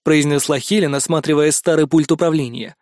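A storyteller with a mid-pitched voice and a wry edge. Recorded close and dry, with no room sound around it. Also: fairly even intonation, brisk, a little mellow, dry recording. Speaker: audiobook reader. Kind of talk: first-person fiction narration.

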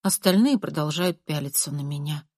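A woman narrating a first-person audiobook in a calm, measured way. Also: sits low, no room sound, studio quality.

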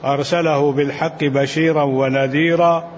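An older man giving a scholarly lesson, his voice a little high, reading texts in a chanting lilt and explaining them at an unhurried pace. The recording is dull and lo-fi, with a faint hiss behind him. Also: fairly even intonation, big-room sound. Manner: measured, reads quoted texts in a chanting lilt. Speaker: sheikh teaching a commentary.

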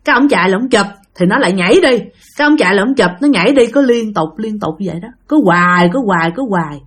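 She speaks quickly with lively intonation, a medium pitch and a breathy edge, in a Southern Vietnamese accent. As host of a casual ghost-story narration, she chats away and frequently talks right to her listeners.

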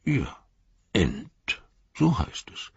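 A man voicing an ancient, patient male tree giant with a rumbling, drawn-out, hushed voice. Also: huge pitch swings, vocal fry, husky, no echo, highs cut off, full character voice. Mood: slow, ponderous.

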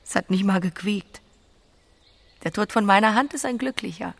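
A woman with a medium-pitched voice and vocal fry speaks at a normal pace. She's an actress in a naturalistic audio drama, playing a young farm woman who butchers pigs: blunt and plain-spoken yet tender, with a matter-of-fact, earnest mood.

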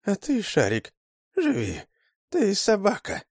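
A man voicing a drunken, loud woman who slurs and shouts. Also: high-pitched, wildly swooping pitch, slow pace, husky, dry recording, studio quality, pitched above the performer's own voice, exaggerated voice. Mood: drunken prophetic.

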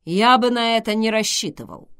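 A woman voicing a calm, logical young man who answers plainly and reasonably. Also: a little high, moderate pace, smooth, voice pushed up.

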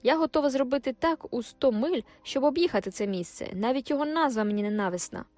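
A woman's voice: high-pitched, fast, a little mellow, dry recording, pitched above the performer's own voice, close to an everyday voice. A woman reading the lines of a proud, spirited young farm wife, earnest and insistent. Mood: pleading.

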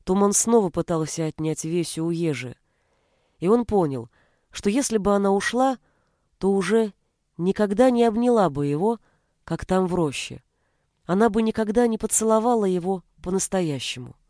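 A narrator reading a fantasy novel aloud in a steady storytelling manner. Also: medium pitch, normal speed, no echo, studio quality. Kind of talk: audiobook narration.

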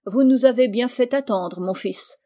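A woman's voice: fairly high pitch, moderate pace, mellow, natural voice. Woman voicing a furious old sea king. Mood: stern. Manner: brusque and scolding.

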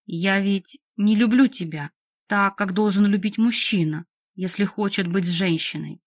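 A woman reading an audiobook, voicing a weary male healer who speaks in a soft, careful, restrained way. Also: mid-range voice, normal speed, no echo, close to an everyday voice. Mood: tender. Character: calm, gentle grown man, a weary healer.

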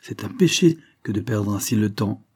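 A man voicing a sharp, scolding spinster sister-in-law who contradicts everything. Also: on the low side, animated, normal speed, creaky, slightly rough, heavily acted. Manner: sour and contradicting.

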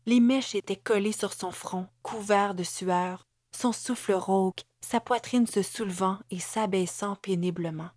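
A woman with a Québécois accent reading scripted audiobook narration in a measured, dramatic way. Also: medium pitch, darkish tone, dry recording, studio quality.

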